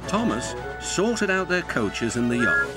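Brief: male storybook narrator, animated, expressive reading, loud music bed. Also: mid-range voice, unhurried.

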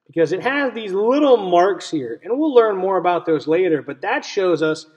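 A young adult man speaks at a moderate pace in a high-pitched, darkish voice with lively intonation. Recorded on a webcam or laptop mic at arm's length in a small room at home, he leads a read-aloud lesson for young children, giving simple explanations and stressing key words.

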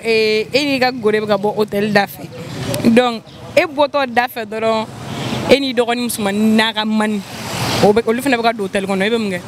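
A young woman with a Malian accent runs a street vox pop, her voice high and bright, teasing her guests. She speaks into a handheld mic on a busy outdoor street. Traffic noise is clearly heard behind her. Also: fairly even intonation, moderate pace. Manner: teasing, laughs often. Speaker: street interviewer.

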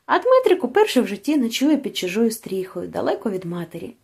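A woman narrating a literary short story aloud, reading expressively and with deep feeling. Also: very animated, brisk, gravelly, a little mellow, slightly rough. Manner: emotional, rising and falling with the story. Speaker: audiobook narrator.

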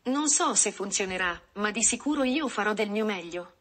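A woman's voice: mid-range voice, lively intonation, normal speed, fairly bright tone. A woman voicing a young male student who talks in a nervous, pleading way in a read-aloud story.

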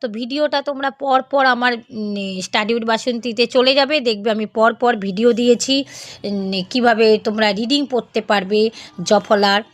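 High-voiced woman sounding out syllables. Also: steady tone, no echo. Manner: slow, deliberate sounding out of syllables. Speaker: reading teacher. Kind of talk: spelling-out reading lesson.

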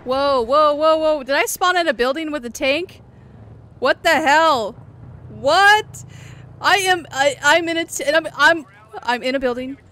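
Playing an online shooter with friends, this gaming channel host laughs her way through live commentary, giggly, amused and exclamatory. She speaks at a moderate pace in a high-pitched, sharp voice.

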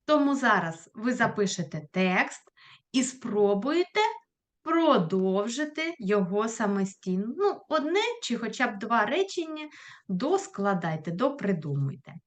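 A woman teaching a primary school lesson, talking to children in a clear, patient voice and asking questions as she goes. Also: mid-range voice, big pitch swings, measured pace. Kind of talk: recorded online lesson for children.

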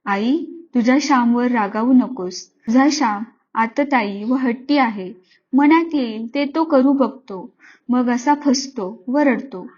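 A remorseful young boy pleads earnestly and slowly with his mother, as a woman reading the story voices him. The voice sits high. The recording is slightly dull and lo-fi. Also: a little mellow. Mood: pleading.

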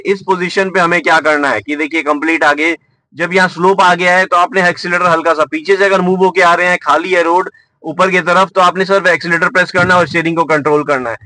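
Bright-voiced man teaching driving from car. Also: high voice, fairly even intonation, fast talker, no room sound, low-quality recording. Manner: patient, explains while demonstrating. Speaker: driving instructor. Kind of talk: step-by-step driving lesson. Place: inside a car, driving out of a basement car park.

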